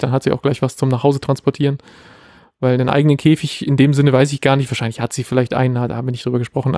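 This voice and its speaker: A man's voice: mid-range voice, mellow, no room sound, clean studio sound. A man in his thirties, co-hosting a podcast, telling a story casually with many fillers. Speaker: podcast co-host. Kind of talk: casual chat.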